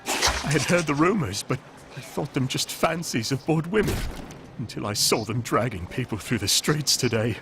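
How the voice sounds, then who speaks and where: A man's voice: medium pitch, normal speed, lightly acted. An actor voicing a troubled male townsman in a video game. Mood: dismayed. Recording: game voice-over with music.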